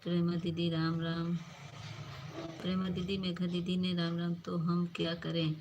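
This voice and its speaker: A woman's voice: fairly low pitch, completely flat delivery, measured pace, background noise. A woman hosting a casual phone live stream, greeting viewers by name and teasingly scolding them. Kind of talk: casual live-stream chat reading comments.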